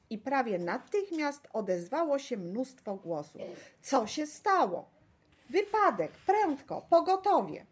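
Lively woman reading a children's story. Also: medium pitch, husky. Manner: lively storytelling, voices the crowd. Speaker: narrator. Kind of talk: audiobook narration.

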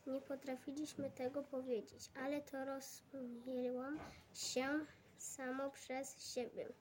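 A woman reads a first-person story aloud, stumbling and restarting words as she goes. Her voice is high and slow, with an even, flat tone, and faint noise hums behind her. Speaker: reader.

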